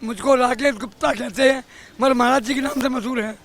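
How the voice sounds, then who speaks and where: A man's voice: extremely high pitch, fairly even intonation, a bit bright. An older man talking in a street interview, emotional and boastful, his voice breaking into tears at times. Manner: emotional, boastful, drawn-out singing and tearful. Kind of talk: street vox pop.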